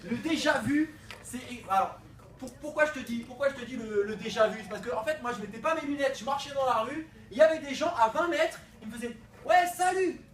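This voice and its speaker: A man performing improvised comic slam poetry for a class, playful and energetic, swinging between loud outbursts and hushed dreamy passages, stammering as he makes it up. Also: very high-pitched, brisk. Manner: stammering repeats while improvising. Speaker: slam poet leading a school workshop. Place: school classroom. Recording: echoey classroom, voice from a distance.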